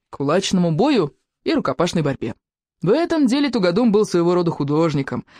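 A woman narrating an audiobook for children in an animated, playful storytelling manner. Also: fairly low pitch, no echo, clean studio sound.

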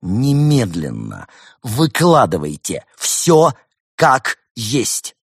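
A stern, sardonic male animal, as a man puts him on. He speaks drily and sharply with a husky voice. A close, dry storybook recording. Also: fairly low pitch, moderate pace, no room sound. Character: stern male animal, exasperated elder brother.

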